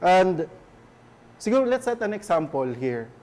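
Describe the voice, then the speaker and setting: A man's voice: high-pitched, very animated, measured pace, a little mellow. A man with a Filipino accent preaching a conversational church sermon, often checking in with rhetorical questions. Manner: chatty, keeps asking rhetorical tag questions.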